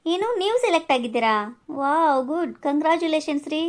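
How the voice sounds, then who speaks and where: A polite female show host from a cartoon, as a woman puts her on, speaking in a calm, placating way. Her voice is fairly high and her delivery is brisk. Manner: soothing, placating. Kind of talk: cartoon voice acting.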